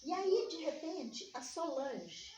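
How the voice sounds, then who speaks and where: Her voice is extremely high, and she takes her time. This older community organizer from Minas Gerais, speaking Brazilian Portuguese, tells personal stories in an interview with animation, re-enacting dialogue she remembers. The recording is dull and distant, echoing in the room with faint noise.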